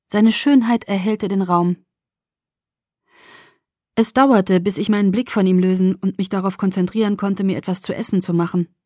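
A woman narrating a novel in the first person, measured and clear. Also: mid-range voice, steady tone, dark tone, dry recording, studio quality. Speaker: audiobook narrator. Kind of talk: scripted narration.

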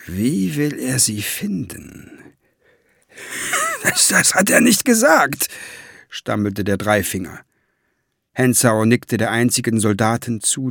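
A man reading a dark fantasy novel aloud in a measured, dramatic storytelling manner, close to the mic. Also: on the low side, no room sound. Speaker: audiobook narrator. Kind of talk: scripted fantasy narration.

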